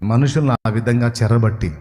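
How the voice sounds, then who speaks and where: A man's voice: mid-range voice, a little fast, warm tone. Man preaching a passionate sermon in a reverberant hall. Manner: impassioned, rising to pleading cries; asks the audience questions.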